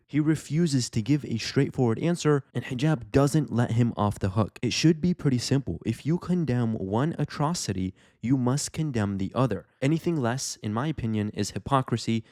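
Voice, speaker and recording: A man's voice: medium pitch, dark tone, no echo, studio quality. A man giving opinionated voice-over commentary to viewers, emphatic and addressing them directly. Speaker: reaction commentator.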